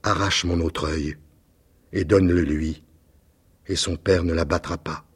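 Storybook: man playing a solemn, kindly statue prince, low, slow and sorrowful. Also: fairly even intonation, husky. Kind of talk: storybook reading.

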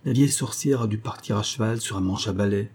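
A man's voice: fairly low pitch, quick pace, a little mellow, slightly rough. A man voicing a young man with a lantern who makes a wry joke. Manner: wry, joking.

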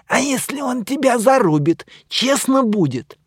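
A man's voice: very high-pitched, big pitch swings, measured pace, husky, no echo, studio quality, voice pushed up, exaggerated voice. A man voicing a scheming mummy servant who eagerly plots an ambush.

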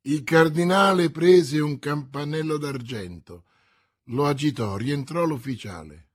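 A man narrating a classic novel as an audiobook reading, in a measured, expressive storytelling manner. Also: a little high, slightly rough.

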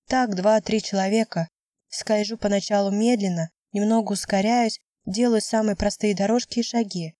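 A woman reading a first-person story in a measured, wry and composed way. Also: medium pitch, dark tone, dry recording, clean studio sound. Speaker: audiobook narrator. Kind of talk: first-person scripted narration.

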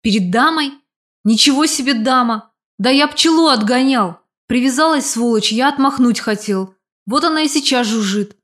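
A woman voicing a frightened young male courier who talks hoarsely and babbles pleadingly in an audiobook. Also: fairly high pitch, moderate pace, fairly bright tone, pitched above the performer's own voice, natural voice. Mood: indignant. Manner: pleading, defensive. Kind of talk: audiobook character voice.

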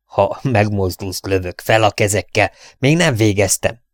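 A man's voice: fairly low pitch, no echo, clean studio sound, natural voice. A man voicing a gloating young male murderer in an audiobook, mocking and given to laughter. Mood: gloating, menacing. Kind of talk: audiobook character reading.

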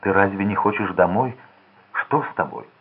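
A man's voice: low voice, expressive, moderate pace, husky, full character voice. A man voicing a nervous small-time crook, urgent and edgy, in a tinny lo-fi recording. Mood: exasperated. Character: anxious small-time male crook, young. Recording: tinny phone-like lo-fi sound.

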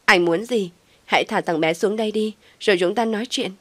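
A woman's voice: medium pitch, fairly quick, dry recording, pitched above the performer's own voice, natural voice. A woman voicing a desperate young mother who pleads in a raised, strained voice. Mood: pleading.

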